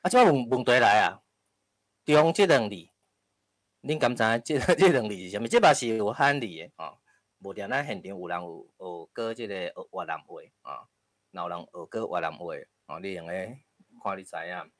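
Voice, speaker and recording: In a lecture hall with a live audience, a man with a Taiwanese accent lectures at a moderate pace in a fairly low, expressive voice. He explains point by point with frequent tag particles, occasionally coughing and clearing his throat.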